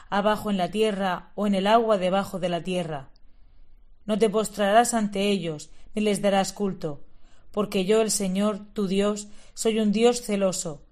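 Woman reading out scripture at prayer, calm and even, middle voice. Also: mid-range voice. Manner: steady, measured reading. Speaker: lector.

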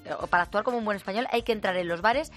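A woman with a Peninsular Spanish accent hosts a casual chat about a news story, mid-pitched and lively. She jokes and laughs often. Faint music plays behind her. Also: racing. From Spain. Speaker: radio show host.

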